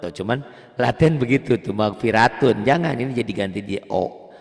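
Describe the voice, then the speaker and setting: An Indonesian man teaching a beginner tajwid lesson, who asks and answers his own questions and chants the Arabic examples slowly. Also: lively intonation, creaky, long reverb tail. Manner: explains plainly, then chants Arabic examples slowly in a high voice. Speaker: Quran recitation teacher.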